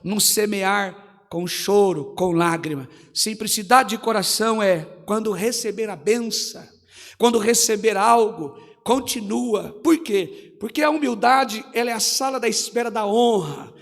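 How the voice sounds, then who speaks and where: A middle-aged man with a Brazilian Portuguese accent preaching a fervent Pentecostal sermon, often shouting praise refrains. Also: sits high, a little slow, gravelly. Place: church hall. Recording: reverberant church livestream audio.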